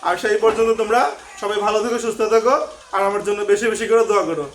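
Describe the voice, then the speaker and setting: A man's voice: high voice, fairly even intonation, racing. A man teaching an online grammar lesson. He mixes English words into his speech and keeps putting rhetorical questions to his students. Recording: echoey room with faint background noise.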